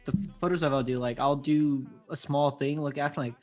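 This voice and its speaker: A man with an average-pitched voice hosts a relaxed interview, asking curious questions with a loose, filler-heavy manner. Faint music sits behind him. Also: fairly quick. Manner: laid-back, curious, many fillers. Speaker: podcast host. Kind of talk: casual interview chat.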